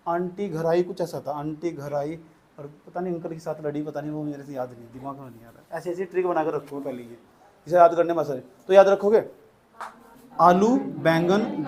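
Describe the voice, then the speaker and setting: High-voiced male chemistry teacher. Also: darkish tone. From India. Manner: repetitive, coaxing, asks students questions. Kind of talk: classroom lecture dictating notes.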